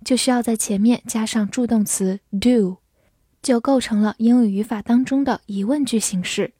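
Woman, English teacher, scripted vocabulary lesson, clear and patient, mellow tone, dry close recording. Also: on the high side, no echo. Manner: clear, patient, reads English examples slowly for repetition.

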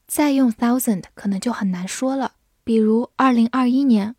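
音色柔和的女声英语老师. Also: female voice, fairly high pitch, dark tone, no room sound, clean studio sound. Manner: clear, patient, reads example words slowly. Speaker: English teacher. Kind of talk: vocabulary lesson narration.

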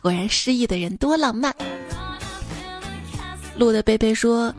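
A young woman with a slightly high voice and a noticeable gravelly fry runs a playful joke segment. She reads listener jokes in a teasing, chatty manner and chuckles at her own punchlines. Soft music sits faintly beneath her voice. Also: expressive, measured pace. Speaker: radio-style host reading listener jokes. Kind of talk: playful joke-reading monologue.

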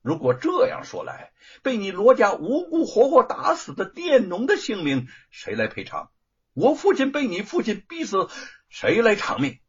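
A man voicing a proud young scholar who argues forcefully and indignantly with rhetorical questions. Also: fairly high pitch, huge pitch swings, a little slow, husky, dull audio, heavily acted.

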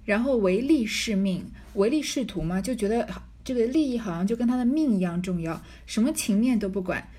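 A woman tells and explains a classic novel in a relaxed, chatty way, at a middle pitch. She fills her pauses casually, as if talking to a listener at bedtime. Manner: relaxed, conversational explaining with fillers. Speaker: narrator and commentator. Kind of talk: storytelling commentary on a classic novel.

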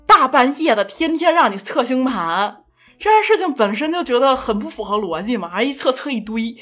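A young woman tells a comic story about her love life in a lively, self-mocking way, and her voice swings up and down. Her voice sits a little high. Faint music plays underneath. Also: fairly quick. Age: young adult. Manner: animated, self-mocking, laughs often. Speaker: podcast guest. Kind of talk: casual storytelling chat.

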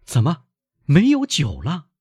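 A man's voice: medium pitch, huge pitch swings, normal speed, a little mellow, slightly rough, no echo, studio quality, pitched above the performer's own voice, full character voice. A man reading an audiobook, voicing an earnest young sailor son who is devoted to his father, with an emphatic, pleading manner. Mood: dismayed.

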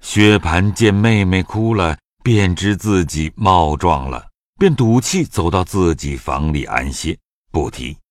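Male narrator, low and expressive, for an audio drama. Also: a little slow, no echo, studio quality.

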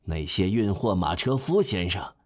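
A man's voice: low-pitched, expressive, normal speed. A man voicing a male innkeeper who turns a guest away with clipped, firm refusals, in an audiobook reading. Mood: curt. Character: male innkeeper, curt and unyielding.

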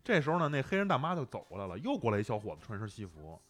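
A man's voice: medium pitch, wildly swooping pitch, rapid-fire, fairly bright tone. A man telling a long story on a casual podcast, rambling with many fillers. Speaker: podcast co-host.

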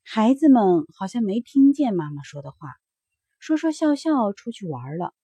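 A woman narrates a children's bedtime story in a gentle, expressive way, her pitch rising and falling freely. Her voice is slightly husky, and it is recorded close and dry. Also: normal speed, dry recording.

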